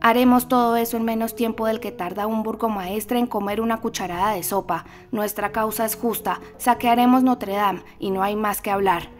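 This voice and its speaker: A woman voicing a rowdy, boastful young male student rogue in armor for an audiobook, shouting with drunken bravado. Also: on the high side, fairly even intonation, normal speed, hardly any pauses, faint music behind, close to an everyday voice. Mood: boisterous.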